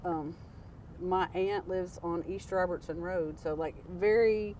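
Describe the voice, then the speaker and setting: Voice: mid-range voice, steady tone, slow pace, a little mellow, recorded from a distance, a little hiss or hum, poor audio. A speaker from Tennessee with a Southern accent, telling rambling stories in casual chat. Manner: rambling, anecdotal, many "like" fillers. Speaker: interviewee, local.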